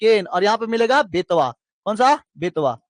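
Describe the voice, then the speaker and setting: A man's voice: sits high, animated, moderate pace, no echo. A man teaching a geography lesson, running through lists in a sing-song chant and asking checking questions. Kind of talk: classroom lesson with drilling repetition.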